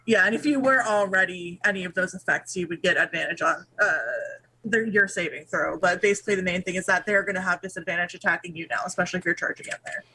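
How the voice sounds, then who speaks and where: A woman's voice: lowish voice, fast, pushed and bright, slight background noise, rough recording. A woman playing a tabletop game, chatting casually and reading out her character's rules. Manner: chatty, lots of fillers, reads rules aloud. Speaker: player.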